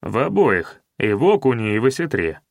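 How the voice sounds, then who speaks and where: A man's voice: mid-range voice, sing-song, fairly quick, creaky, no room sound, studio quality, pitched below the performer's own voice. A man reading an audiobook, voicing a cocky young male cook who wisecracks and asks curious questions. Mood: joking. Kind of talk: audiobook character voice.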